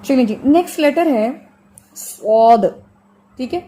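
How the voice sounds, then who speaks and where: A woman teaching Quranic pronunciation in a fairly high voice, over a faint hiss of background noise. She explains each letter patiently with homely comparisons. She drags out the model sounds slowly so the class can copy them. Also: lively intonation, a little mellow. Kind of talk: online tajweed lesson.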